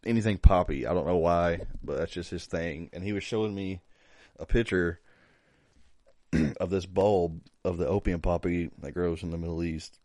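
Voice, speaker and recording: Deep-voiced laid-back young man. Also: normal speed, dark tone, no room sound, clean studio sound. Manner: laid-back, crude joking. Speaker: podcast co-host. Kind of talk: casual chat.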